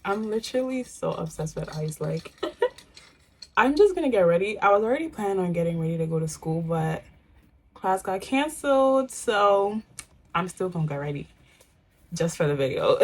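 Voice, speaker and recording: Young woman from New York, husky voice, chatty vlogger doing a get-ready-with-me at home. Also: medium pitch, normal speed. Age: young adult. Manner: chatty, animated storytelling with slang. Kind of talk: casual chat while getting ready.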